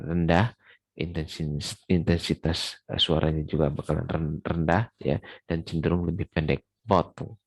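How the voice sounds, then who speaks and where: A man's voice: rumbling low, vocal fry, no echo. A man teaching English sound rules in a loose lecture, full of fillers and mixing in English terms. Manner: many fillers, mixes English terms into explanations. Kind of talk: casual recorded lecture.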